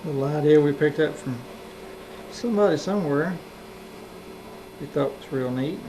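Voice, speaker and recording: A man's voice: on the high side, normal speed. Man narrating an old VHS home video. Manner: casual, matter-of-fact commentary. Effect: old VHS home video tape. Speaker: home video camera operator. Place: indoors in a house. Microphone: camcorder mic behind the camera. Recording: humming, hissy old camcorder tape.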